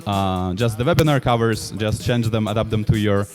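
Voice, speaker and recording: Brief: man, energetic online event host speaking from his couch at home. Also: on the low side, moderate pace, soft background music. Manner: energetic and upbeat.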